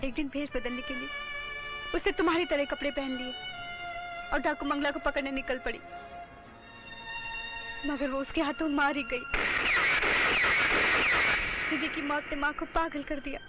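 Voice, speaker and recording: A woman's voice: high-pitched, fairly even intonation, normal speed, long pauses, highs cut off, loud music behind the voice, close to an everyday voice. A woman playing a pleading young woman. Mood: earnest. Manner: earnest, explaining and begging. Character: young woman pleading for her mother's sake.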